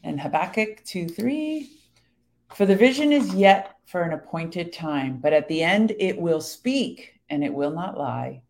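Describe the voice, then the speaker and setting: A woman in casual faith talk, earnestly explaining and reading scripture verses slowly. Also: lowish voice, expressive, darkish tone.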